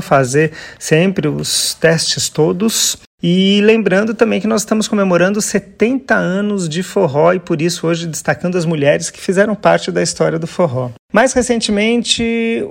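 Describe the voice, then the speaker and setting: High, gravelly Brazilian radio host. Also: male voice. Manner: cheerful announcer, introducing songs. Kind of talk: radio program presenting.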